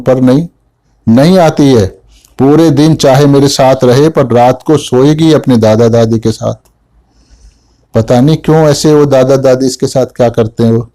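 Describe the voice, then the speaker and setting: Man with a mellow voice, narrating a case. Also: medium pitch. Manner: recounts patient dialogue, voicing the mother in first person. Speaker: homeopathic doctor.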